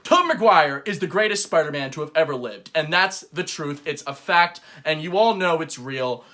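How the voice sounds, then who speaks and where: Excitable high-voiced comedy host. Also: male voice, moderate pace. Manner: excitable mock rants that swing from mumbling to yelling. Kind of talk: comedic home-made talk show. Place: bedroom at home.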